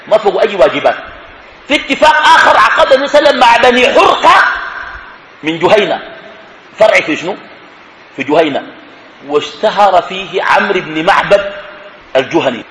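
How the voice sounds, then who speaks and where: Animated man lecturing, echoey room. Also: sits high, a little hiss or hum. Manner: animated, asks the audience questions and answers them himself. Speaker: religious teacher. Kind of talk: lecture on prophetic history.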